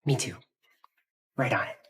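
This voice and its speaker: An actor playing a fawning, fashion-conscious assistant to a CEO in a short drama. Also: male voice, moderate pace, a bit bright, lightly acted. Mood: chatty, fawning. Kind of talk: melodramatic short-form drama acting.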